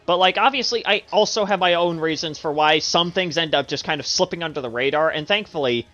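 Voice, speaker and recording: A woman's voice: fairly low pitch, brisk, a bit bright, highs cut off, faint music behind. A woman streamer talking bluntly and swearing in a casual group voice chat. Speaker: streamer, server owner.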